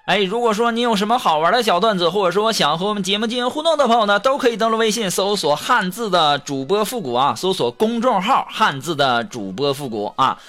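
Playful male comedy host, lively pitch. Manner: chatty, playful, drawn-out sentence endings. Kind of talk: comic storytelling and joke reading. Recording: background music under voice.

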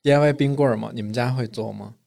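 A man from northern China, co-hosting a casual chat with quick, teasing jokes. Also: medium pitch, creaky, mellow. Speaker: podcast co-host.

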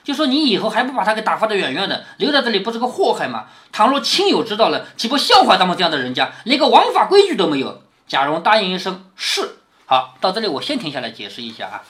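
A man reading a classic novel aloud to his daughter and explaining it in plain words as he goes, often checking in with "isn't it?" and dropping low and soft on those questions. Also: wildly swooping pitch, fast talker. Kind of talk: explanatory read-aloud storytelling.

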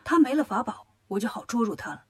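Lady doing a cocky monkey king in a kids story, brisk and cheeky, a bit high. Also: husky. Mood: scheming.

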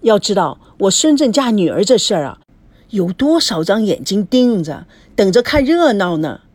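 A proud, blustery middle-aged businessman who lectures his family, put on by a woman narrating the story. The voice is breathy and swings up and down in pitch. It sounds dry and close. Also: big pitch swings, normal speed, darkish tone, dry recording. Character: stern wealthy middle-aged businessman father.

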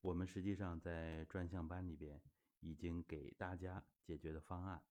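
Very low, mellow-voiced male instructor. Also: level tone, normal speed. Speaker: health exercise instructor. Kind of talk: spoken teaching talk.

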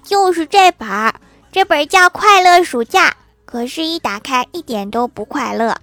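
A woman voicing a sulky, cheeky little schoolgirl in a spoken joke story, in a squeaky, indignant voice. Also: animated, normal speed, fairly bright tone, slight background noise.

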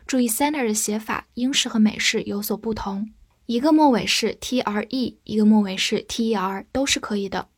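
A woman teaching English vocabulary, spelling words out letter by letter and repeating them slowly. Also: fairly high pitch, slightly rough, no echo, clean studio sound. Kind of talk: explanatory vocabulary lesson.

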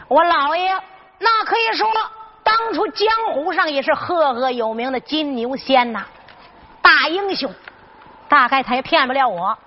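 A woman narrating a traditional Henan zhuizi folk story in a lively spoken-sung manner. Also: sits high. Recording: dull lo-fi recording.

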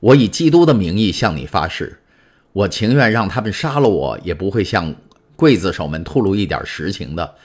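A man's voice: deep voice, expressive, moderate pace, a little mellow, husky. A man voicing a desperate young sailor prisoner. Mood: pleading. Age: 20s. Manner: pleading, impassioned. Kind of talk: audiobook character voice.

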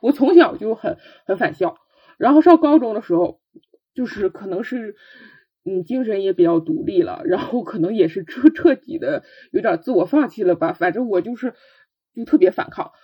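A young woman with a husky, breathy voice tells her personal story as a podcast guest. She speaks earnestly and haltingly, often restarting her sentences. The recording sounds dull and lo-fi. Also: medium pitch, expressive.

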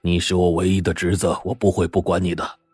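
A man's voice: deep voice, level tone, a little fast, husky, no room sound, faint music behind. A man doing a weary old uncle. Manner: soft, tired, strained. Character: old ailing uncle in his sixties, weary and proud.

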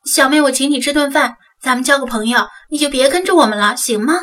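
A woman's voice: high voice, lively intonation, normal speed, pushed and bright, far from the mic, voice pushed up. A woman voicing a young female street scammer who pleads in an ingratiating, wheedling way, in an audiobook. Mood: pleading. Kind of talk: audiobook character voice.

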